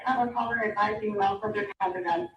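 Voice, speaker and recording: A woman's voice: mid-range voice, fairly even intonation, fast, roomy sound, recorded from a distance, dull audio, a little hiss or hum. A woman police dispatcher giving terse, clipped calls over a police radio transmission, played back in a courtroom.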